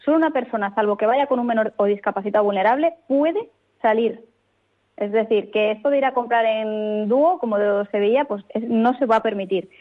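A woman legal expert speaking as a radio guest, explaining rules in a clear, firm, methodical way. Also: a little high, a little fast. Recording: tinny phone line.

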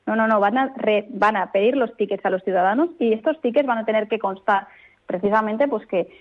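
A woman's voice: medium pitch, fairly quick. Woman explaining firmly over a phone line. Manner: clear, firm, methodical explaining. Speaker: legal expert guest. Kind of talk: explanatory radio interview.

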